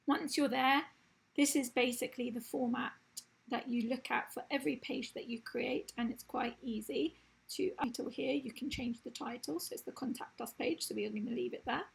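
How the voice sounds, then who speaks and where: Woman walking through a website tutorial, voice going hoarse and raspy. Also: fairly high pitch, steady tone, moderate pace, poor audio. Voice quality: husky, gravelly. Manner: plain step-by-step explaining. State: losing her voice. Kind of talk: screen-recorded tutorial.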